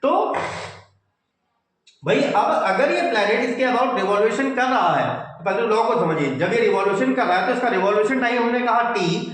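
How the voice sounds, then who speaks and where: In a very echoey room, a man teaches physics at a whiteboard, explaining step by step in Hindi mixed with English terms, often repeating phrases and checking that students follow. His high voice is expressive and fairly bright, at a moderate pace.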